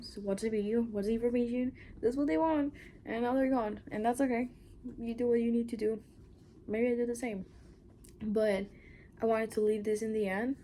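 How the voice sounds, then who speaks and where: A channel host from Mexico, whose first language is Spanish, chats in a loose, rambling personal vlog with restarts and asides. Her mid-range voice is mellow and gravelly, sometimes dropping to a whisper, with faint noise humming in the background.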